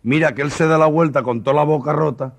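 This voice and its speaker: A male comedian tells jokes in a lively storytelling manner and acts out the characters' voices. His voice sits a little high for a man. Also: fast, vocal fry. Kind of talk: stand-up joke telling.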